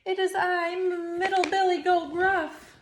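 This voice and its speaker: A woman's voice: fairly high pitch, expressive, moderate pace, a little hiss or hum, natural voice. A woman voicing a frightened middle-sized billy goat who stammers, in a storybook read-aloud. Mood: scared stammering. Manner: stammering, trembling.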